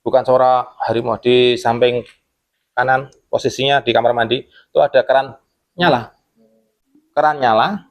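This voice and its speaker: This man has a mid-range voice, a normal pace, and frequent pauses. He's recounting a ghost story from his security guard days during a casual podcast talk, animated and acting out his coworkers' quotes.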